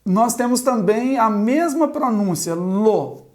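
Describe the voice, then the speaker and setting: This slow, patient board lesson comes from a Hebrew teacher whose voice is on the high side, with lively intonation and a darkish tone. She takes her time, spelling each sound separately and having the viewer repeat it.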